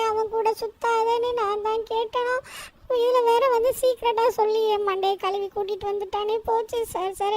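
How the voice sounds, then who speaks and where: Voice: very high-pitched, recorded from a distance. A performer voicing a cheeky, easily panicked little cartoon boy who begs frantically in a comic game voice-over. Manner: frantic pleading, constant "sir, sir" begging.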